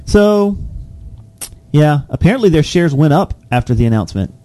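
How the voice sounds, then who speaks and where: Young male co-host, jokey casual news reader, warm dark tone. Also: on the high side, big pitch swings, moderate pace. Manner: joking, laughs often, reads headlines aloud. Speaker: podcast co-host reading tech news.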